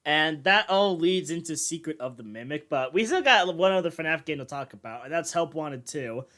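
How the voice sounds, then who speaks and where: A man's voice: a little high, animated, moderate pace, pushed and bright. A young man co-hosting a casual podcast chat with friends, rambling with lots of fillers and restarts. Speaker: podcast co-host.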